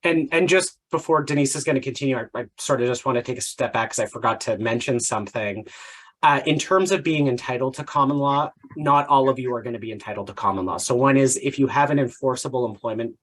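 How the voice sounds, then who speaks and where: A Canadian man lawyer explaining severance rules in a plain, brisk way with "uh" openers. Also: medium pitch, a bit bright. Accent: Canadian English. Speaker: employment lawyer. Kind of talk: explaining legal points in an info session.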